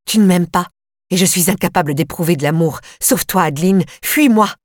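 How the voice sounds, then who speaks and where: A woman's voice: lowish voice, fairly quick, no echo, studio quality, lightly acted. A woman voicing a hard, bitter female inmate who coldly pushes her sister away, in an audiobook. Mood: hostile. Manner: curt, cold and pushing away.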